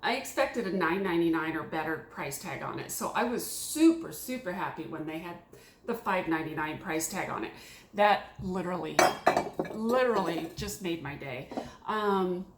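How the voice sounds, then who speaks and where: A woman chatting casually about her thrift finds, rambling and excitable with lots of fillers, at a table at home. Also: lowish voice, moderate pace, roomy sound, very noisy. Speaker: thrift haul vlogger. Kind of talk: casual chat. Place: small home room at a table.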